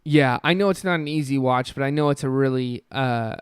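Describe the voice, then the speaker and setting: A young man co-hosts a podcast, rambling enthusiastically through a casual chat with lots of fillers. His mid-range voice is clear and resonant and fairly quick, recorded in studio quality with no echo.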